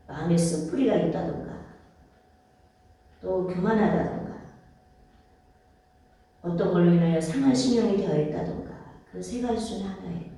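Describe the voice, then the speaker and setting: 울림 큰 예배당의 온화한 여성 설교자. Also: female voice, fairly low pitch, dark tone, distant mic. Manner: repeats phrases and asks the congregation for amens; rhetorical questions to the listeners. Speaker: pastor. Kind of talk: sermon. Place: church sanctuary. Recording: very echoey church hall, voice from off-mic.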